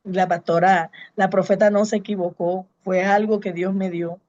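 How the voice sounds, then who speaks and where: A woman's voice: medium pitch, fairly even intonation, normal speed, darkish tone, no room sound, highs cut off. A woman pastor and evangelist, giving a fervent preaching testimony to a congregation and repeating her key phrases. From Colombia.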